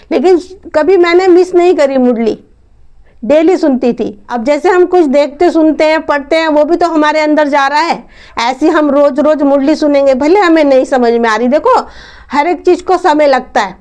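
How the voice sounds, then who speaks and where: Woman, high voice, earnest spiritual speaker, devotional talk, repeats points, rhetorical questions.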